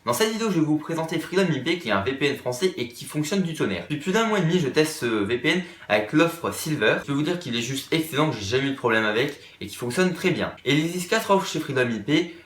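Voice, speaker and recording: Man, tech explainer, chatty and upbeat, fast talker, roomy echo. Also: fairly high pitch, lively intonation, a bit bright. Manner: upbeat, chatty, addresses viewers directly. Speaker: tech YouTuber. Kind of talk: casual tech explainer to camera.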